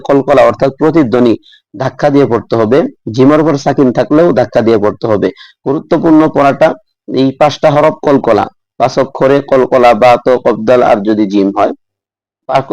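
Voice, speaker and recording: A man gives a patient tajweed lesson in an even, mid-pitched voice. He repeats each point and slowly stretches out letter sounds as examples. The recording is dry and close, with no room echo. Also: highs cut off. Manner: patient, repetitive instruction with drawn-out letter sounds. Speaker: Quran recitation teacher.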